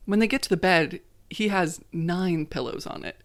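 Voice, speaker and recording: A woman's voice: on the low side, normal speed. A woman from the United States narrating a scripted video essay in a conversational, wry way, dropping in joking self-corrections.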